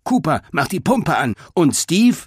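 A man's voice: mid-range voice, lively intonation, measured pace, slightly rough, no echo, clean studio sound. A man voicing a bossy wild boar lady. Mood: commanding. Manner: commanding, barking orders. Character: small bossy female wild boar mascot.

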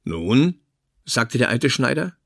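Give me a husky man reading a fairy tale with a lively, expressive voice. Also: medium pitch, no room sound, studio quality. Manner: slow, expressive storytelling. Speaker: narrator.

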